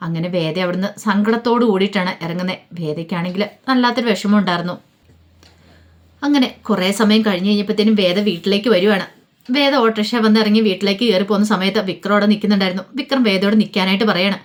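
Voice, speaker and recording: A woman retelling a story in a rapid, conversational spoken recap. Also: mid-range voice.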